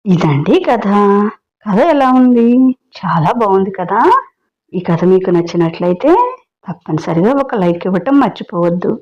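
A woman's voice: on the low side, animated, normal speed, pauses often, highs cut off. A woman narrating a story, voicing the characters' dialogue herself. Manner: narrates and voices all characters in quoted dialogue.

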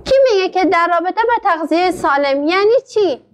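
A woman teaching a literacy class in an Afghan Dari accent, asking the class many questions and reading syllables out very slowly. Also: very high voice, expressive. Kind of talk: classroom lesson.

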